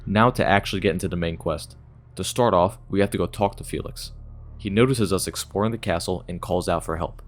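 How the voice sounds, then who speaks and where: A man's voice: low-pitched, fairly quick. A man hosting a gaming video, reading scripted retrospective narration in a casual, enthusiastic way.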